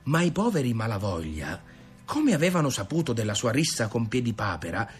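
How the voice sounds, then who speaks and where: A man reading a novel aloud as an expressive literary narration. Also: mid-range voice, fairly quick, soft background music. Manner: expressive storytelling. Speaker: audiobook reader.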